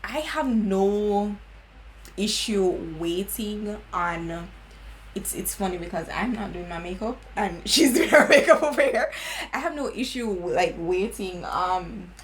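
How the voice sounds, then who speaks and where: A woman's voice: mid-range voice, expressive, a little slow, slight background noise, poor audio. A woman in her twenties with a Jamaican accent, chatting earnestly and slipping into patois. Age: 20s. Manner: earnest, laughing, slips into patois. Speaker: beauty vlogger. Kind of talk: casual chat.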